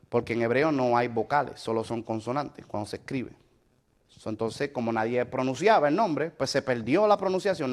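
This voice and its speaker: A man teaching a Bible study lesson, explaining step by step and checking with listeners whether they follow. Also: fairly high pitch. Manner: explanatory, asks the listener questions; mixes in English fillers like "so".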